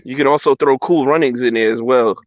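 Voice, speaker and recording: A man's voice: mid-range voice, fairly quick, dull audio. A man co-hosting a casual podcast, chuckling and needling the others. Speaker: podcast co-host. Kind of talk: casual chat.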